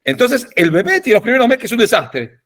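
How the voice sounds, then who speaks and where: Animated, expressive man teaching class. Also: extremely high pitch, fairly quick. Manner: animated, asks "ok?" to check understanding. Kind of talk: informal lecture with humor. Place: home or office in Jerusalem. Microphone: video call.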